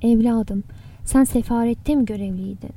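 Storybook figure: woman narrator doing a weeping mother, soft and quiet. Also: fairly high pitch, normal speed, lightly acted. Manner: soft, tearful pleading. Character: grieving mother, middle-aged woman.

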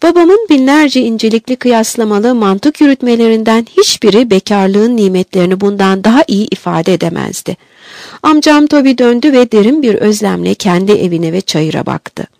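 A woman narrating a classic novel aloud in a measured, even storytelling manner. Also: a little high, dry recording. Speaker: audiobook narrator. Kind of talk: scripted literary narration.

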